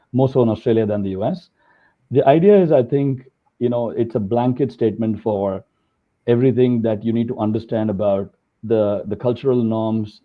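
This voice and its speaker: A man from India giving a conversational webinar talk over slides, with many fillers. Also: fairly low pitch. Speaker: guest speaker. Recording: tinny phone-like call audio.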